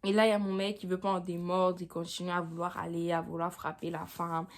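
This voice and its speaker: A woman's voice: lowish voice, level tone, brisk. A young woman vlogger telling a personal story time in a slangy, chatty way, with frequent "tu vois".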